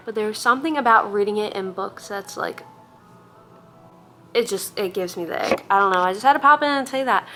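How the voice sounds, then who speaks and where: A young woman chatting casually and candidly in a book vlog, sometimes hushing her voice. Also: fairly high pitch. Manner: chatty, candid, often drops to a hushed voice at night. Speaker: book vlogger.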